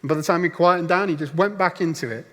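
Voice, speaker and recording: A man's voice: on the high side, fast talker, a bit bright. Man preaching in a reverberant hall. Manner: storytelling, acts out voices of the crowd. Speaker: pastor. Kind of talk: sermon. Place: church auditorium. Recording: long church hall reverb.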